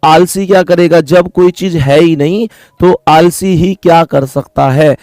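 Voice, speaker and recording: A young man teaches an exam-prep reasoning class, talking to his students in a chatty, fond way. His voice sits a little high, and he repeats each key point. The sound is dry and close to the mic, with no room echo. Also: steady tone, measured pace, darkish tone. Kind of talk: online exam-prep lesson.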